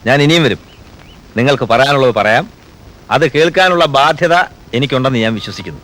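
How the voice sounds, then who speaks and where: An actor playing a principled middle-aged chief minister in a film drama, speaking in a measured, earnest, reassuring way. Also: male voice, mid-range voice, animated, a bit bright, lightly acted, poor audio. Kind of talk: 1990s film drama dialogue.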